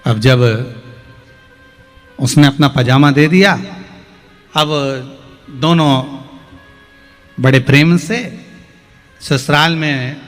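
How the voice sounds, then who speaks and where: A male religious storyteller giving a devotional scripture discourse, telling folksy stories in an animated way at a large live gathering. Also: a little high, extremely slow, pauses often. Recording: reverberant hall with faint music.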